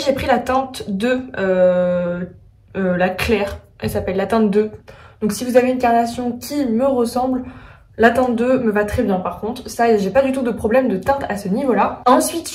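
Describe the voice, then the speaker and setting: Woman, beauty vlogger, casual makeup chat, fairly high voice, echoey room, a bit off-mic. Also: darkish tone, distant mic. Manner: chatty, frequent filler "euh", thinking aloud.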